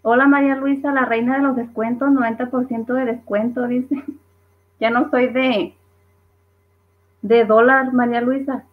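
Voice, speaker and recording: A woman's voice: fairly high pitch, flat delivery, normal speed, pauses often. A woman hosting a casual livestream, reading viewers' comments aloud and laughing along. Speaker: livestream host. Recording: tinny phone-like livestream audio.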